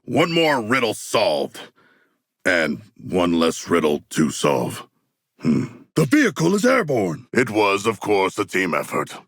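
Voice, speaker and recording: An actor playing a proud, eloquent humanoid shark warrior in a video game, with a gravelly, husky voice and stilted, grandiose formal diction. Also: male voice, fairly low pitch, huge pitch swings, takes it slowly, a bit bright, dry recording, clean studio sound, heavily acted. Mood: grave, dry, then fierce, exultant. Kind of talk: theatrical video game voice lines.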